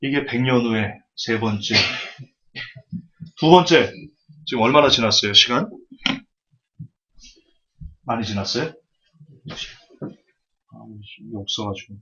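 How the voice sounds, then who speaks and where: A man preaching a sermon with storytelling, lively and humorous, speaking straight to his listeners, on a dull lo-fi recording. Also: mid-range voice, takes it slowly, pauses often. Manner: lively, humorous, addresses the audience directly.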